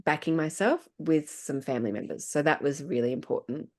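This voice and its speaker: A middle-aged woman speaking as a podcast guest, telling her story in a casual, animated way and laughing often. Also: deep voice, fairly quick.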